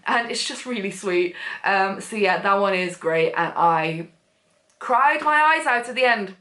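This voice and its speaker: A woman chattily recommending books, gushing and full of fillers with big swings in pitch. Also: animated, a little slow, bright, forceful tone. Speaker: book vlogger. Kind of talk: casual book recommendations. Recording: echoey room.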